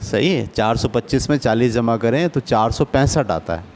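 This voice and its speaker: A man's voice: medium pitch, animated, moderate pace, a little mellow, a little hiss or hum. A man teaching a basic math lesson to adults, patient and often checking that the class follows. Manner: patient, asks checking questions.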